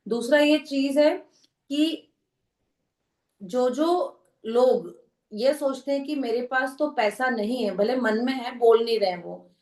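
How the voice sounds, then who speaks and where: A woman runs a live self-help teaching session, speaking in a high, clear register. She explains things patiently, keeps asking "right?" to check in, and slips English words into her Hindi. The sound is roomy, with a noticeable echo. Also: a little mellow. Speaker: self-help course leader.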